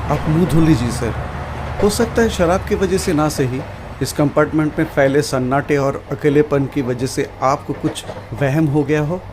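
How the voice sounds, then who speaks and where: An actor playing a calm, sensible train ticket examiner in a horror audio drama. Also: male voice, on the high side, moderate pace, background noise, lightly acted. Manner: reassuring, then scared.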